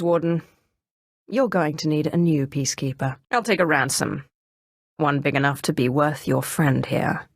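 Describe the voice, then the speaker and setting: A woman's voice: low voice, gravelly, no room sound, clean studio sound, exaggerated voice. A woman voicing an imperious, sardonic female Sith lord in a video game, speaking with haughty, cool menace. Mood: menacing. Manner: haughty, coolly threatening, dryly sardonic. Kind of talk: video game character voice acting.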